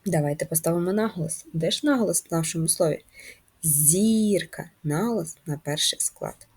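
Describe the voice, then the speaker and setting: A woman gives a handwriting lesson to first graders, calm and patient as she walks through each stroke. Her voice sits a little low and has a husky edge. She puts simple questions to the children and answers them herself in a steady, encouraging tone. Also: fast talker. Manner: patient, clear, step-by-step instruction to children. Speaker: primary school teacher.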